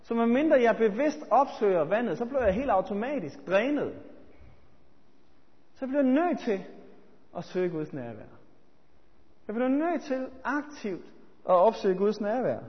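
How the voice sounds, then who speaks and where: A man preaching a sermon, swinging between loud urgent appeals and quiet reflective asides. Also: high-pitched, very animated, pauses often. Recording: dull sound with long church reverb.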